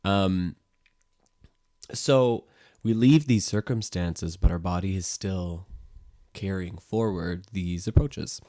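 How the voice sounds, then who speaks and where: A man with a very low, deep voice leads a guided sound-healing lesson. He talks gently and calmly, explaining as he goes with plenty of soft fillers. The sound is close and dry, with no room echo. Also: slow pace, long pauses. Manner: calm, gentle explaining with frequent "you know" and "um". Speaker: music teacher and sound therapist.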